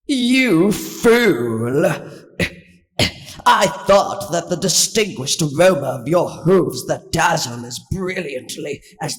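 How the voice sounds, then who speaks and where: A man voicing a loud, gloating dolphin spirit. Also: high voice, voice pushed up. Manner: loud, drawn-out, taunting. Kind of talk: audiobook character voice.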